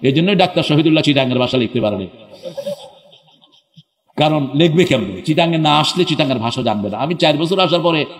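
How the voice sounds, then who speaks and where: A man's voice: a little high, expressive, brisk. A man preaching a sermon to a crowd. He asks the crowd questions, answers them himself, and sometimes breaks into chanted phrases. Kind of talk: Islamic sermon at a public gathering. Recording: echoey hall with long reverb.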